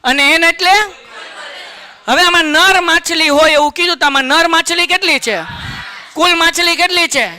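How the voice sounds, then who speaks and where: A man with a Kathiawadi Gujarati accent teaches a maths lesson in a high and very bright, ringing voice. He jokes with the class and keeps checking that everyone follows along. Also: steady tone, normal speed, pauses often. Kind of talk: lively classroom lecture.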